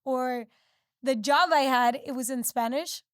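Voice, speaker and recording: A woman's voice: high voice, measured pace, no room sound, clean studio sound. A young woman from Peru and the United States, chatting casually as a podcast guest, with lots of "like" fillers. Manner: chatty, heavy use of filler "like". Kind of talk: casual interview chat.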